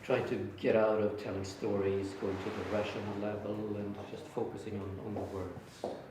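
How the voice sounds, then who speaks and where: A man's voice: on the low side, flat delivery, moderate pace. A male teacher leading a Socratic-style session, asking probing questions and often restarting his sentences. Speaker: teacher leading a reasoning exercise. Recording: very echoey room, distant mic, faint hiss.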